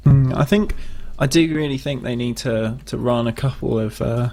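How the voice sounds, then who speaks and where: A man co-casting a live video game match, giving casual quick analysis. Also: mid-range voice, vocal fry, warm tone, slight background noise. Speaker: esports co-caster.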